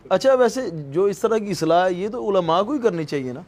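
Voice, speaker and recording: A man hosting a panel discussion, agreeable and quick to affirm what others say. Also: high voice, animated, darkish tone.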